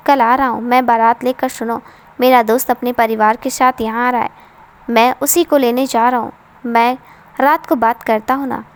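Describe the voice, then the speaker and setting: Brief: a woman voicing a hurried young groom, brushing things off, high voice. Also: fairly even intonation, clean tone, close to an everyday voice.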